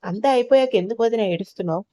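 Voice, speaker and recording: A woman's voice: on the high side, very fast, warm tone, dry recording, natural voice. A woman voicing a tender, childlike young woman who asks anxious, pleading questions in a read-aloud audio story.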